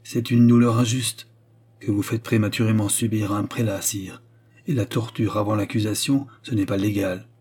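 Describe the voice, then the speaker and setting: A dignified cardinal in an audiobook who speaks with grave, steady assurance, as a male reader does him. The voice is low, mellow and a little husky. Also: moderate pace.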